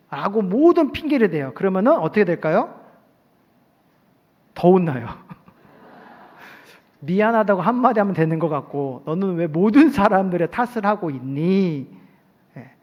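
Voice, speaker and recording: A male pastor preaching a sermon in an animated way to his congregation in a church. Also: high voice. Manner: animated preaching, acting out short everyday quotes. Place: church sanctuary at a night service. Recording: long church hall reverb.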